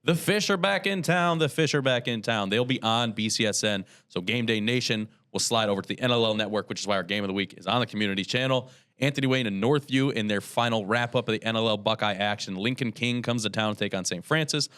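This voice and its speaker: A man hosting a local sports show, brisk and upbeat as he runs through the game schedule. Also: fairly low pitch, a bit bright, smooth.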